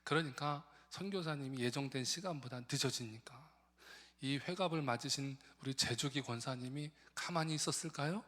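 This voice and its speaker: A man's voice: mid-range voice, moderate pace, fairly bright tone. A male pastor telling a humorous story in a sermon and joking with his congregation. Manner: humorous, conversational, addresses the congregation. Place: large church hall. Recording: long church hall reverb.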